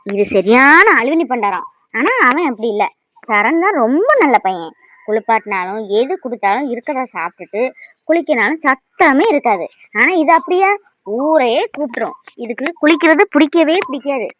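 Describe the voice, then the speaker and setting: A bossy young mother from a cartoon, acted by a woman scolds in loud, threatening bursts. She speaks high, and the sound is dry and close. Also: animated, moderate pace, no room sound, muffled recording. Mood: scolding.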